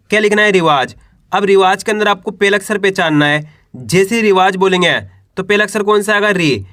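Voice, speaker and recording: A man teaching Hindi spelling, sounding out each syllable slowly and asking the class to repeat the word. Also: high-pitched, sharp tone, no room sound, studio quality. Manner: spells out syllables slowly, then asks "what will we read?". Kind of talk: slow spelling lesson for children.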